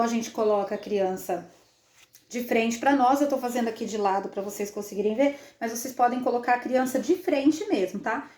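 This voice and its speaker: A woman's voice: fairly high pitch, darkish tone. A woman with a Brazilian Portuguese accent, a child development specialist giving an instructional demonstration. She explains each step and keeps checking in with frequent tag questions. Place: indoor room, playing with a baby. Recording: roomy echo.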